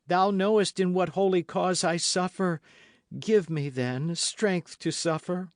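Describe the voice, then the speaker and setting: In an audiobook character voice, a man plays a scheming noblewoman who fakes pious, tearful meekness, pleading breathlessly between sobs. He pushes his voice up to a high pitch and keeps an unhurried pace, recorded dry with clean studio sound.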